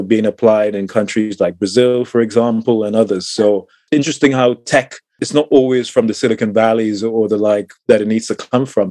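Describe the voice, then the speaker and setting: A man's voice: on the low side, dark tone, no room sound. A man from Trinidad, middle-aged, answering interview questions thoughtfully, with many fillers and repeated words. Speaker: guest, climate tech entrepreneur.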